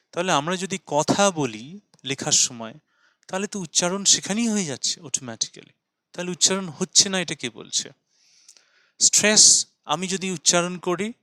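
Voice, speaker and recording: Male English teacher for a lecture video, bright and fairly high voice, poses and answers his own questions, dry sound. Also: clean tone, no room sound. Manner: explains in Bengali, reads English lines slowly and deliberately. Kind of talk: video lesson explaining writing.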